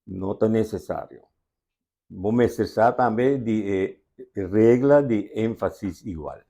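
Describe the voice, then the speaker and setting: Slow, mellow-voiced Curaçaoan man explaining. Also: on the low side, creaky. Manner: patient, explains rules step by step. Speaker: language expert guest. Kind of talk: explanatory interview talk.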